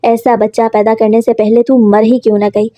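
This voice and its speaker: A woman's voice: fairly high pitch, little pitch movement, fairly quick, mellow, no room sound, clean studio sound, lightly acted. A woman reading the lines of a cold, cruel older stepmother in a spoken story, speaking with bitter scorn. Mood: scornful.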